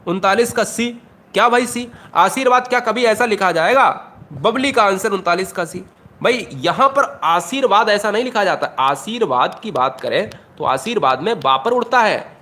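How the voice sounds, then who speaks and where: A man's voice: high-pitched, animated, normal speed, bright, forceful tone. A man teaching an exam-prep Hindi lesson, emphatic, often repeating questions and speaking straight to his students.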